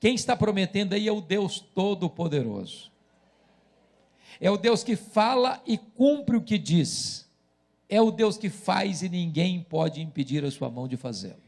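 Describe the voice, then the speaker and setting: Male Brazilian Portuguese pastor, high-pitched, dramatic sermon delivery with loud crescendos. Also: animated, measured pace, gravelly. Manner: dramatic preaching, rising to loud chanted cries.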